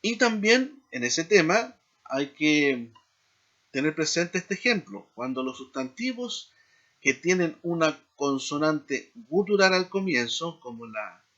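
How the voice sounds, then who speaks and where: A man teaching a seminary class in a slow explanatory lecture, often checking in with tag questions. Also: on the high side, big pitch swings, a bit bright, lo-fi sound. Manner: frequent tag questions, deliberate pacing.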